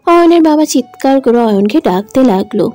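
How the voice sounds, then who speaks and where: A woman's voice: sits high, lively intonation, moderate pace, dark tone, faint music behind. A woman narrating a romantic audio drama in an emotive, dramatic manner. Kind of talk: scripted story narration.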